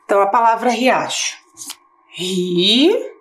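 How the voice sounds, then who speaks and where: A woman teacher with a Brazilian Portuguese accent giving a recorded lesson for schoolchildren, asking questions and slowing down to spell out syllables. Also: on the high side, sing-song. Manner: patient, rising question-and-answer tone, slows to spell out syllables.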